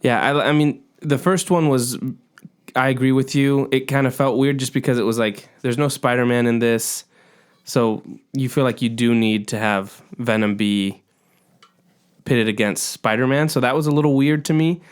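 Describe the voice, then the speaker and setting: A man's voice: medium pitch, fairly even intonation, moderate pace, smooth. A man co-hosting a podcast in casual chat, rambling with many fillers. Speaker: podcast co-host.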